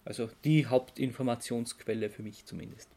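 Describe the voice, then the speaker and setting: A man with an Austro-Bavarian accent co-hosts a podcast, explaining things casually and correcting himself along the way. His voice is medium-pitched and dark, and he talks fairly quickly.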